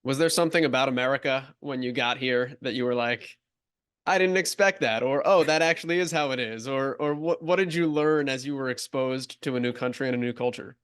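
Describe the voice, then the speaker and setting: A man's voice: medium pitch, brisk, fairly bright tone, clean tone. A man hosting a sports podcast, asking questions in a conversational way with some fillers. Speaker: podcast host. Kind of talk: interview questions.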